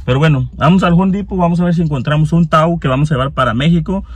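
A man with a Mexican Spanish accent vlogging casually on his phone, telling a story in an animated way and acting out both sides of an argument. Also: a little high, fast, husky, no room sound. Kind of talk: casual vlog chat.

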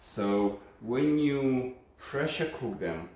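A Ukrainian-accented man hosts a casual, unscripted review of a kitchen appliance for his channel, explaining things in a friendly way with many hesitations. His mid-range voice is animated, a little mellow, and extremely slow. He's filmed from a distance on a phone camera in a home kitchen that sounds echoey with a faint hum.

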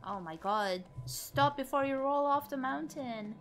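A woman live streamer giving casual, expressive gameplay commentary and chatting with viewers, exclaiming and swearing freely. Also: high-pitched, a little slow, over music.

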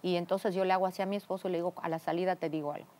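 A woman guest telling a personal faith testimony, acting out the voices in her story with sudden high jumps. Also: steady tone, racing, warm tone. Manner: acts out quoted dialogue with big pitch jumps. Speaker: interview guest.

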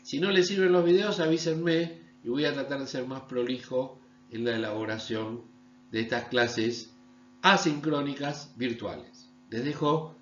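A man from Argentina, giving a recorded online university lecture and often checking understanding with a quick "¿sí?". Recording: echoey room, dull low-fi sound with mains hum.

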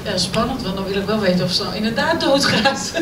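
A woman's voice: mid-range voice, fast talker. Encouraging woman judge in an echoey hall. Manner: encouraging, with hesitant fillers. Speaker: jury member. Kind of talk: spoken feedback to a young reader. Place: event hall with audience. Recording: echoey hall, distant mic, loud noise.

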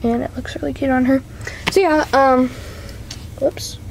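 Here the voice sits high and creaky, a little slow with fairly even intonation: a young woman touring her small carpeted room at home in a casual, meandering show-and-tell. She giggles, apologizes and downplays herself. A handheld camera's built-in mic captures it with noisy amateur quality.

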